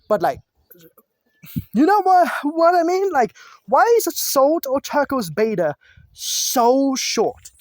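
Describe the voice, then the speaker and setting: A woman's voice: on the high side, no room sound. A woman talking outdoors in a casual chat about game balance, chatty and often stumbling and restarting her words. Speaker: gamer giving balance ideas.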